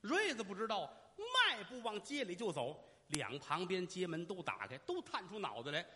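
A man telling a comic story on stage, animated and full of sound effects and asides. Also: high-pitched, normal speed, long reverb tail.

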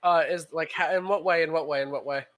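An excitable man playing a tabletop game, halting at times. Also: a little high, no echo, clean studio sound. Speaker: player.

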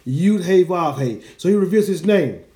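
A man's voice: sits high, expressive, normal speed, warm tone. A man giving an earnest, explanatory Bible teaching, using Hebrew names. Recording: echoey room.

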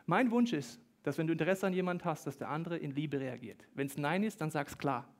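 A man in his thirties preaching a humorous sermon, lively, with joking asides and bursts of fast talk. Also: a little high.

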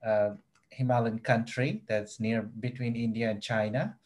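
Halting mid-pitched man from Nepal. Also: steady tone, darkish tone. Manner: halting, many fillers, searching for words. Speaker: podcast guest, doctoral student. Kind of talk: casual podcast interview.

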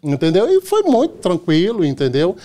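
A middle-aged man with a Carioca accent chats as a podcast guest, his voice sitting fairly high for a man. He tells anecdotes casually and plays out the back-and-forth dialogue as he goes. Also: huge pitch swings, moderate pace, warm tone. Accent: Carioca Portuguese. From Rio de Janeiro, Brazil. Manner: chatty, tells anecdotes acting out quoted dialogue, often tags "entendeu?". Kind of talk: casual storytelling in a podcast chat.

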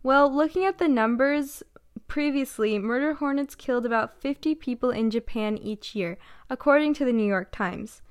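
A woman's voice: high-pitched, moderate pace, smooth, dry recording, clean studio sound. A young woman giving a scripted talk about the year's news, adding wry, joking asides. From Pacific Northwest, US. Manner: wry, jokey asides between read points. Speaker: presenter.

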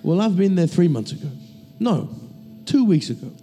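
Animated man joking crudely, music behind. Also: high-pitched, normal speed, in a large hall. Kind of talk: casual banter.

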